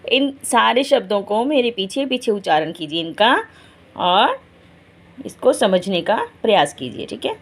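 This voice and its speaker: A primary school Hindi teacher leads a slow reading lesson for young children, sounding out each letter and vowel sign syllable by syllable before repeating the whole word. Her mid-range voice has big pitch swings and a measured pace. She speaks directly to the children and checks that they understand.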